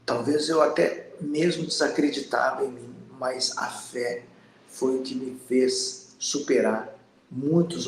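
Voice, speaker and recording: A man in his fifties from Brazil, hosting a spiritual channel and giving a slow, earnest, reflective monologue. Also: medium pitch, echoey room, a little hiss or hum, low-quality recording. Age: 50s. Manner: slow, pausing, earnest and introspective.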